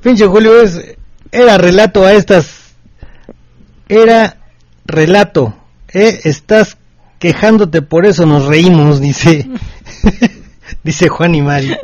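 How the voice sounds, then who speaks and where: A man's voice: sits high, slow, pauses often, a little mellow, muffled recording. A man co-hosting a late-night radio show, teasing and laughing while reading listener messages.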